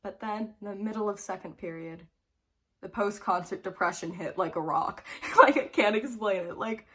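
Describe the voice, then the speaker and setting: A teenage girl vlogger tells a story to camera in a bubbly, rambling way, her medium-pitched voice husky and sharp in tone at normal speed. She fills her speech with frequent "like"s and giggles between phrases.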